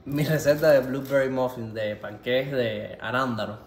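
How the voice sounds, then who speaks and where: A male cooking vlogger in his twenties with a Cuban accent answers questions in a casual vlog, playful and informal. His voice is medium-pitched and steady at a moderate pace, recorded in an echoey home kitchen with faint background noise.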